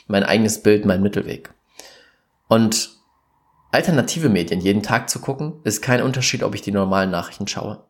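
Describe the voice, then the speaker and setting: A man in an impassioned monologue to camera, earnest and emphatic, pausing for weight and bursting into exasperation. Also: on the low side. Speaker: vlogger.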